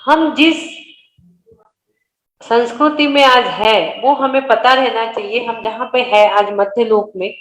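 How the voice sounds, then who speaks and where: A woman's voice: on the high side, slow, reverberant, low-quality recording. Patient woman teaching a scripture class. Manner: patient, corrects pronunciation word by word. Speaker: religious study class teacher. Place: online video meeting.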